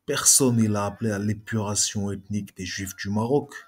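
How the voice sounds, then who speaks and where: A man's voice: on the low side, normal speed. A man giving an argumentative reply monologue to a video blogger, speaking combatively and straight at his critic. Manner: combative, addresses critic directly.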